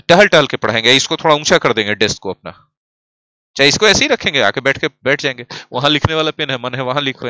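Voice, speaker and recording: Young male tutor, bright forceful voice, playful and teasing, quizzes the class. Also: medium pitch, no room sound. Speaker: English grammar teacher. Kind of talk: online class, joking with students. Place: classroom studio, standing at a desk.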